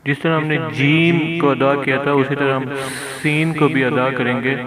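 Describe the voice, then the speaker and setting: A man's voice: medium pitch, fairly bright tone. A man with a Pakistani Urdu accent teaching Quran letter sounds step by step, holding the letters long and stressing them. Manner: drawn-out, emphatic letter sounds between plain explanations. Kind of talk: step-by-step recitation lesson. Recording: dull lo-fi recording.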